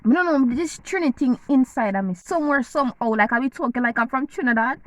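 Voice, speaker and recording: Talking fast in a high voice, a woman from Jamaica vlogs casually to camera in her Jamaican accent, teasing playfully and eating as she goes. The recording is rough but has no echo.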